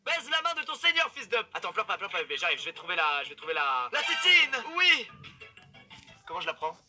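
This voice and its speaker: A man in his twenties hosting a let's play from a home kitchen, excitable and swearing, with frequent loud outbursts. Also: on the high side, a little fast, soft background music. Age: 20s. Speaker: gaming video host.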